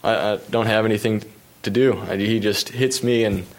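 A young man from the United States, a pro cyclist, gives a casual storytelling talk with slides about his races. He speaks in a slightly low voice, leans on fillers like um and uh, and laughs at himself over his bad luck.

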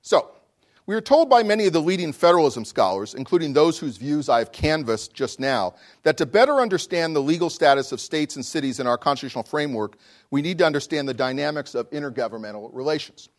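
A man lecturing as a law professor, reading a prepared text in an erudite, formal manner with deliberate phrasing and rhetorical questions. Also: fairly high pitch, expressive.

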